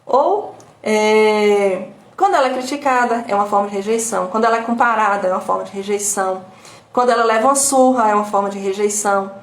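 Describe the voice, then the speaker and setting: A woman's voice: medium pitch, fast. A woman coach with a Brazilian Portuguese accent, giving a live talk that she fills with rhetorical questions and tag questions. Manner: explanatory, repetitive teaching tone. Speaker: emotional intelligence coach. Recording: roomy echo.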